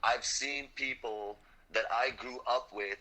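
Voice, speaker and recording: A man's voice: medium pitch, fairly even intonation, slow, pushed and bright, poor audio. A young man from Sweden, a frontline fighter talking as an interview guest, intense and blunt, swearing and saying "man" and "bro" all the time. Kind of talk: impassioned interview talk.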